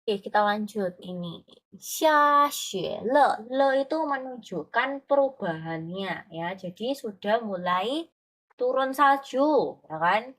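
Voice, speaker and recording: Woman, patient Mandarin tutor, mid-pitched voice, often checks understanding. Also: lively intonation, unhurried. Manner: explains patiently, often asks checking questions. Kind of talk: online language lesson.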